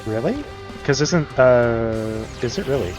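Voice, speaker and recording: A man's voice: medium pitch, expressive, a little slow. Rambling male game streamer, chuckling. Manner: rambling, chuckles often, many fillers. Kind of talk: casual chat while streaming a game. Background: game music.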